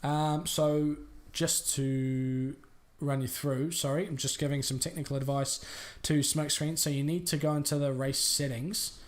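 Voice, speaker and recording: A man with a New Zealand accent commentating a sim racing stream in a chatty, relaxed way with lots of fillers. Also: a little high, a little slow. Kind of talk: live race commentary.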